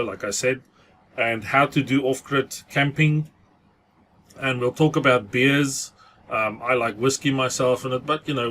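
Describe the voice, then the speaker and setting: Chatting to camera in a casual monologue for his channel, a South African-accented man drops Afrikaans words into his speech. His voice is medium in pitch with a sharp tone, and the recording carries a little hiss or hum.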